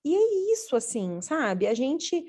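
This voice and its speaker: A woman who is a parenting educator and mother, telling stories from home in an earnest, animated way. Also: high-pitched, slow. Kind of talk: casual conversation.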